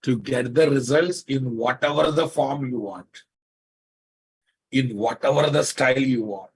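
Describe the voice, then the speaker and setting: A man's voice: mid-range voice, a little slow, slightly rough. A man with a Telugu Indian accent teaches programming to a class, speaking emphatically, repeating phrases and prodding listeners with questions. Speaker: software teacher. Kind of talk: live programming lecture to a class.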